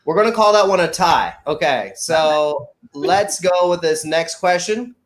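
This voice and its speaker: Male livestream host, slightly high voice, chatty and playful. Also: expressive, a little slow. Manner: upbeat, chatty, playful teasing. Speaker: show host. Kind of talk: casual livestream show hosting.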